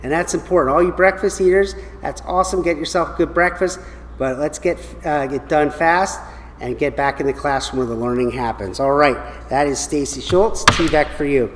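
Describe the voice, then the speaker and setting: A man's voice: fairly high pitch, moderate pace, fairly bright tone. An American man giving school morning announcements and reading out student awards, speaking directly and encouragingly to children. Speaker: school principal or staff announcer. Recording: reverberant hall with background noise.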